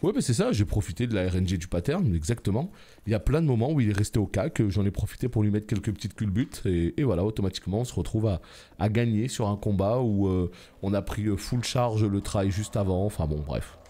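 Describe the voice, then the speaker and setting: A man giving live gameplay commentary, shouting, pleading and joking sarcastically at the boss he fights. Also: lowish voice, brisk. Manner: excitable, yells and pleads at the boss; teasing, sarcastic banter. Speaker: gaming YouTuber.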